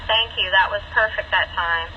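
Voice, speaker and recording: A woman's voice: medium pitch, moderate pace. A woman speaking over a two-way radio as a railroad radio operator, firm and instructive as she spells out procedure. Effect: two-way radio transmission. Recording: muffled radio with faint noise.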